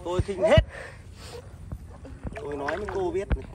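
A cruel, arrogant skeleton voiced by a man for a fan audio drama. He sneers and taunts in a fairly high voice, boastful and mocking about money. The recording is homemade and carries clear background noise. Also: moderate pace, recorded from a distance, close to an everyday voice. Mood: sneering. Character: arrogant rich male skeleton, cruel ex-lover.

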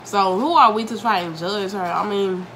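A slightly congested young woman does a mukbang vlog from her dining room, chatting casually while she eats. Her voice sits in the mid range with a fairly bright tone and a normal pace. Recorded at home on a camera mic at table distance, the low-quality audio carries noticeable room noise.

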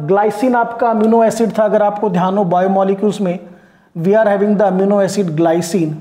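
A man's voice: high-pitched, dark tone, roomy sound. A man with an Indian accent giving a chemistry lecture, switching between Hindi and English and often checking that his students understand. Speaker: chemistry teacher. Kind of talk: classroom lecture.

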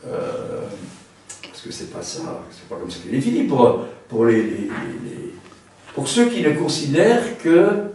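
A man who sings tenor gives a seminar lecture, talking haltingly with many restarts and a frequent tag word. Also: medium pitch, a little mellow. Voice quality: trained singer's voice, a tenor. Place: seminar room. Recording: very echoey room, mic far off.

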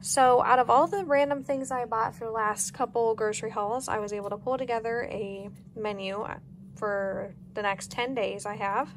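Filming on a handheld device in her kitchen, an easygoing American vlogger talks plainly through her grocery haul and meal plan. Her voice is on the high side, with fairly even intonation and a normal pace, and the kitchen adds noticeable background noise.

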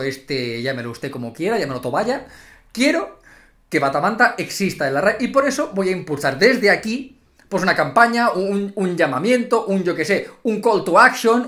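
A man with an accent from Spain rants in a comedic vlog, sarcastic and theatrical. His voice swings widely up and down as he mocks and exaggerates, never staying flat for long. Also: high-pitched. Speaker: YouTuber.

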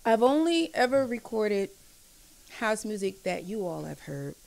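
A woman in her forties, a singer chatting in a casual live-stream interview, animated and quick to giggle. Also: mid-range voice, gravelly. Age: 40s. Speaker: singer guest.

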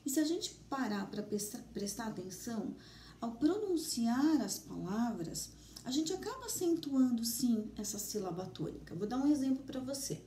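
Brazilian woman teacher talking to kids, soft mellow voice, kinda far from the mic, echoey room w faint hum. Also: fairly high pitch, big pitch swings. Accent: Brazilian Portuguese. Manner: gentle, encouraging, speaks slowly and clearly to children. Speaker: primary school teacher. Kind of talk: remote video lesson for children. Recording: roomy, distant mic with faint ambient noise.

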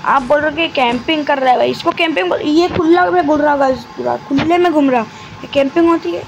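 A man giving live commentary over his mobile game, talking deliberately quiet and chatty, constantly addressing his viewers. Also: very high voice, vocal fry, music in the background, poor audio. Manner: talks deliberately quiet and soft; chatty, keeps addressing viewers as guys and brother.

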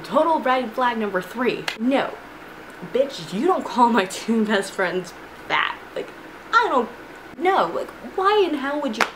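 A woman's voice: fairly high pitch, unhurried. Chatty young woman telling a story. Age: young adult. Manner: chatty, animated, laughs often. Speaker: vlogger. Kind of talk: casual storytime vlog. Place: bedroom with shelves of figurines, indoors. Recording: noisy home recording.

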